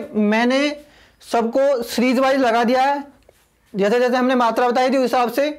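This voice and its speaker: A man teaching a video lesson, explaining patiently and repeating himself, spelling names out letter by letter. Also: very high voice.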